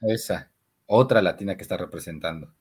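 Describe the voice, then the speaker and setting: Low-voiced and brisk with a breathy edge, a young man speaking with a Mexican Spanish accent discusses movies in a relaxed podcast conversation. His talk wanders, full of slang and hesitant fillers.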